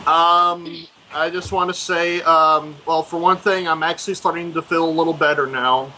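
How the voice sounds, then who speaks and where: A man on a live radio chat, talking haltingly and stammering often. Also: on the high side, fairly even intonation, bright, forceful tone, slight background noise, poor audio. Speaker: co-host.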